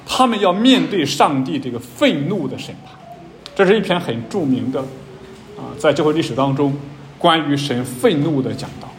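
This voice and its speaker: A man preaches a teaching sermon in a slightly raised voice, talking it through with many small fillers. His pitch climbs when he stresses a point. A faint hiss sits under the recording. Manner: many fillers, rising emphasis on key points.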